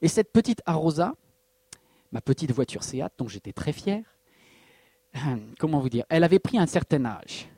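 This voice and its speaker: A man's voice: fairly high pitch, moderate pace, pauses often, slightly rough, no echo. A man preaching a sermon as pastor, mixing personal stories with rhetorical questions and sudden bursts of emphasis. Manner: animated preaching with personal anecdotes, rhetorical questions and acted quotes.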